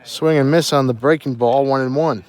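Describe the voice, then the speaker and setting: A man announcing a baseball game live, giving short, clipped updates on pitches and the count. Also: fairly even intonation, moderate pace, darkish tone.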